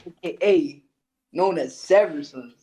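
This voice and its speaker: Laid-back, slangy podcast co-host. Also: male voice, a little high, measured pace, mellow. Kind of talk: casual podcast chat.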